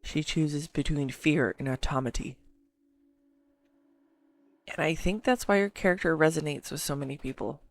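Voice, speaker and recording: Speaking intimately to a listener, an amateur voice actor plays an excitable, affectionate neurodivergent girlfriend gushing about her favourite film. Her deep-ish voice is earnest and absorbed, pouring out enthusiastic details with halting pauses in this scripted roleplay monologue.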